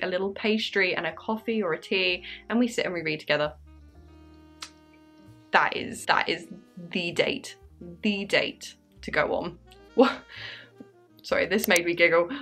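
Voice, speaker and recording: A woman's voice: medium pitch, fairly bright tone. English girl in her mid twenties doing a q&a vlog, chatty and upbeat, bit of music under it. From England. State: dry throat. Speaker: YouTuber answering viewer questions. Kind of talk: casual Q&A vlog. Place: bedroom with candles.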